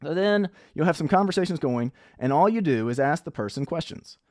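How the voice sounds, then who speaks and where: A man's voice: a little high, lively intonation, brisk, a little mellow, no echo, studio quality. A man coaching viewers on landing clients. He talks bluntly and casually, and acts out sample conversations. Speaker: online business coach. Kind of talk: direct-to-camera coaching talk.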